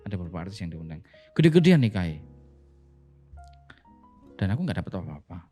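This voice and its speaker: Male pastor, low voice, animated podcast storyteller who acts out quotes. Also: a little fast, slightly rough, faint music behind.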